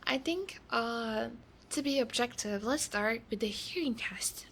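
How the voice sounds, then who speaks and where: A woman in a whispered role-play as a reassuring doctor, talking softly and slowly and often dropping into a whisper. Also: on the high side, slight background noise, rough recording. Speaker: ASMR creator.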